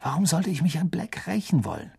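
A man's voice: a little high, sing-song, brisk, vocal fry, very noisy, pitched above the performer's own voice. A man voicing an earnest teenage boy who speaks plainly and warily. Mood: puzzled.

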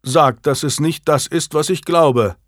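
A man voicing a blunt, excitable young knight who exclaims loudly in an audiobook. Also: medium pitch, unhurried, dry recording, clean studio sound, lightly acted. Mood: startled. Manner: loud and exclaiming.

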